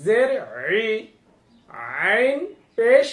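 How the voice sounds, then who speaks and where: A woman teaching Quran reading through a slow syllable-by-syllable spelling drill. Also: fairly high pitch, lively intonation. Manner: slow, drawn-out, instructive recitation. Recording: echoey room.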